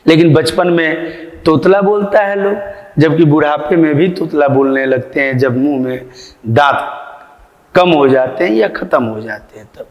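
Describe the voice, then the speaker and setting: A male teacher gives a grammar lesson to children, slowly explaining and asking and answering his own questions. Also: fairly high pitch. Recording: echoey room with long reverb.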